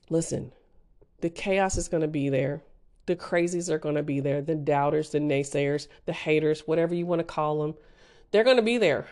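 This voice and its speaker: A woman's voice: low-pitched, darkish tone. A woman hosting a motivational talk, speaking directly to listeners in a conversational, emphatic and urging way. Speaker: podcast host and small business coach.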